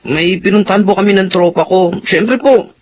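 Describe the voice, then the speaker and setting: Man playing a high-voiced, wheedling teenage son. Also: normal speed, slight background noise, lightly acted. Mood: nervous, apologetic. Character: evasive, wheedling teenage son, a student who sweet-talks his mother. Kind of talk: Filipino radio drama acting.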